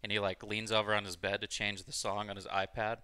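A man's voice: on the low side, level tone, fast, noisy background. A man in his twenties telling stories in a laid-back casual chat, swearing often. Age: 20s.

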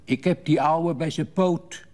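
An older man voicing a loud, jolly father who loves teasing and practical jokes. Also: on the high side, a little slow, pitched above the performer's own voice, lightly acted. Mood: boisterous. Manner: boisterous, teasing.

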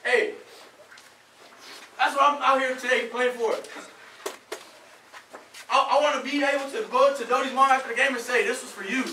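A young male player makes an earnest pep speech in a high, bright voice. His delivery comes in halting bursts. He is some way from the mic in an echoey room. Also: steady tone. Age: young adult. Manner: halting, peppered with "hey". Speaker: football player. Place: indoor locker room. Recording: echoey, distant camera mic, faint noise.

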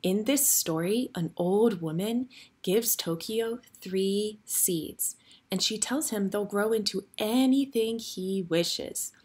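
A woman with a husky, medium-pitched voice reads a picture book to young children. Her storytelling is expressive, and she phrases things deliberately.

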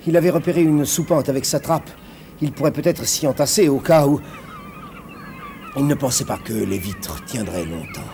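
A man telling a frightening story on television in a theatrical way, dropping to hushed tones and rising to cries. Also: mid-range voice, animated, moderate pace, vocal fry, noisy background. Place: television studio set of a haunted castle.

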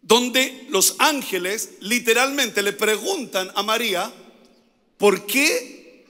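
A Chilean-accented male pastor delivers a sermon in a high, bright, forceful voice. He repeats key phrases and has the congregation say lines back to him. His voice rings with the long reverb of a church hall. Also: measured pace. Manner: preaching with repeated phrases and call-and-response.

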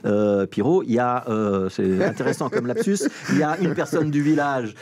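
A man's voice: mid-range voice, normal speed, darkish tone. A man, a TV culture interviewer asking questions in a conversational way.

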